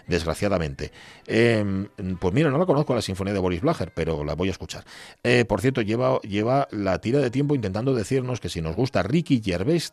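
A man with an Asturian accent hosting a radio show, reading listener messages in a chatty, joking way. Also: on the low side. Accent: Asturian Spanish. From Asturias, Spain. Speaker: radio host. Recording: radio studio with music bed.

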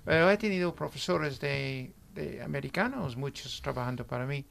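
A man in his sixties, an English native with an accent in Spanish, chatting as a radio guest in a halting way, often checking with "¿bien?". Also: medium pitch, expressive, gravelly, a bit bright, slight background noise. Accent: English speaker in Spanish. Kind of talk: casual radio chat.

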